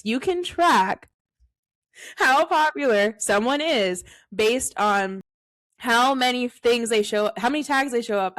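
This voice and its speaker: A woman's voice: fairly high pitch, a bit bright. A young woman co-hosting a casual podcast, rambling and laughing often as she talks. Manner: giggly, rambling fan talk. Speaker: podcast co-host. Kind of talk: casual chat.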